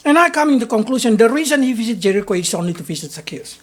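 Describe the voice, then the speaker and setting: A woman preaching a sermon in short, halting phrases and pausing for her interpreter. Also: a little high, animated, husky.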